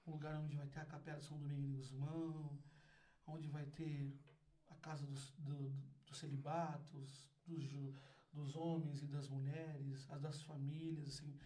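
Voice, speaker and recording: A man's voice: a little high, little pitch movement, normal speed. A Brazilian man with a Brazilian Portuguese accent, telling stories as a podcast guest, laughing and acting out voices with lots of energy. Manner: exuberant, laughing, acts out voices loudly. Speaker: guest, community founder. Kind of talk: animated storytelling.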